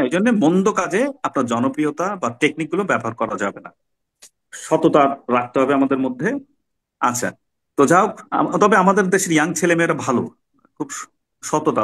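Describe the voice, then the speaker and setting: A man with a Bangladeshi accent teaching a soft skills class, quizzing his students and acting out examples as he goes. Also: medium pitch, breathy edge. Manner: teacherly, asks the class questions and acts out examples. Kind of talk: classroom lecture.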